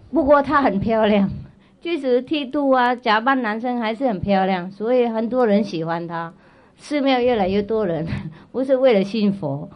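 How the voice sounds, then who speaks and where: A woman spiritual teacher telling a story to children in a chatty way, often repeating herself and asking if they follow. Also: medium pitch. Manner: chatty, checks in with listeners often; repeats and restarts phrases. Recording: dull lo-fi recording.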